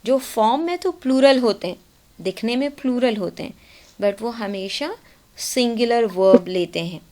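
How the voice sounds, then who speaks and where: Woman, Indian accent, grammar teacher, slightly high voice, slow and patient, mixes Hindi and English. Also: animated, darkish tone. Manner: explains patiently, switches between Hindi and English, keeps checking understanding. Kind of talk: live grammar class.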